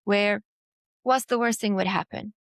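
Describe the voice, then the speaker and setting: A woman's voice: medium pitch, fairly even intonation, a little slow, creaky, no echo. Reflective woman guest from Jordan. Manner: reflective, hesitant with many fillers and restarts. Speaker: design executive guest. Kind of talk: conversational interview storytelling.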